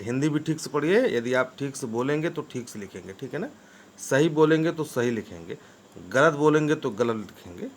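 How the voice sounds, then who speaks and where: A man's voice: medium pitch, fairly bright tone. A man teaching English vocabulary, spelling each word letter by letter and checking in with his listeners again and again. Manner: spells words letter by letter, often asks "ठीक है ना?". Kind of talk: vocabulary lesson.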